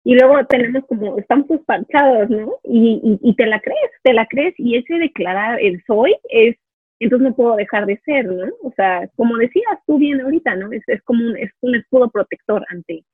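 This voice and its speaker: A woman hosts a conversation, thinking aloud in a reflective way and checking in with short tag questions. Her voice sits fairly high and sounds husky. The sound is tinny like a phone line and dry. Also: lively intonation, normal speed, dry recording. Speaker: podcast host. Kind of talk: casual interview conversation.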